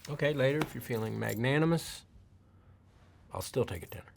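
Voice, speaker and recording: An actor playing a glib, needling mentalist under interrogation, with wry, teasing, deliberate phrasing in a naturalistic film style. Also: male voice, mid-range voice, vocal fry, darkish tone, slight background noise, natural voice.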